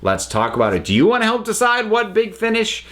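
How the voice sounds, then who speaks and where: His voice is high-pitched and a bit bright, brisk, and swings hugely in pitch: an American man reviewing audio dramas on his own channel. The talk is casual and rambling, full of restarts and self-corrections.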